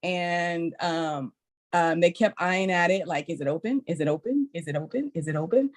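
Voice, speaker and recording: A woman educator telling a story on a podcast in a lively, animated way, acting out children's voices. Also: on the low side, moderate pace. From Texas. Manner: lively, acts out kids' voices with squeals. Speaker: early childhood educator guest.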